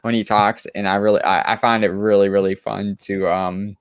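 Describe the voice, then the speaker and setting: A man's voice: fairly low pitch, little pitch movement, normal speed, no echo. A man co-hosting a comic book chat show, talking casually and enthusiastically with lots of restarts and fillers.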